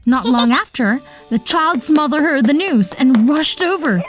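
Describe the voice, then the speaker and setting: Speaking in a high, unhurried voice, a woman plays the earnest, optimistic heroine who tells her own animated story. Her narration is expressive and dramatic, with acted dialogue, and music plays underneath.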